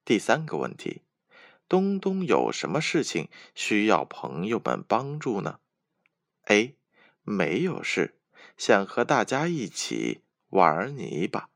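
A man reading a bedtime story to children and quizzing them gently afterwards. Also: on the low side, huge pitch swings, vocal fry, no echo, studio quality. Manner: gentle, slow, sing-song questions to children.

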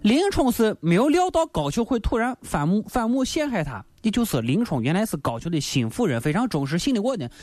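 A woman hosting and narrating a classic tale comically, with animated asides. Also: medium pitch, brisk, hardly any pauses, no echo. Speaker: host. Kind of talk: comic storytelling.

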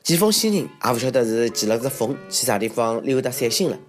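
A man with a Shanghainese accent hosts a comedy show, delivering a comic monologue on odd news in a self-mocking, exclamatory style with theatrical asides. His medium-pitched voice is expressive and quick, with faint music in the background.

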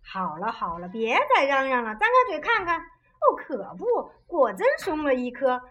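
A woman playing a fussy, doting old aunt in a children's radio play, speaking in quick exclamations and scolding often. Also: sits high, big pitch swings, pushed and bright, full character voice.

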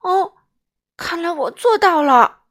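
A woman's voice: very high voice, lively intonation, slow, pitched above the performer's own voice, heavily acted. A woman voicing a sad male king who sobs as he talks, in a children's story. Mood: delighted. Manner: sobbing, whiny.

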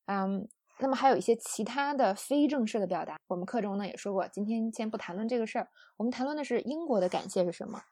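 A woman teaches English usage in a friendly, chatty way, ending her phrases with soft particles. Her voice is mellow and warm. The sound is dry and close. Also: on the high side, lively intonation, fast, hardly any pauses, no room sound. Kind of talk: explaining English usage to students.

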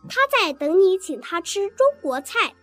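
A blunt, playful young husband bickers over dinner, as a woman reads his lines aloud. The voice sits high and swings widely in pitch, with a dry, close sound and faint music behind. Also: very animated, a little slow, a bit bright, dry recording, full character voice. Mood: coaxing.

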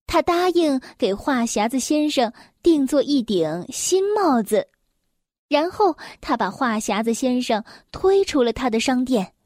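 A woman reading a children's story aloud in a gentle, expressive storytelling voice. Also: high voice, a little slow, dry recording, studio quality.

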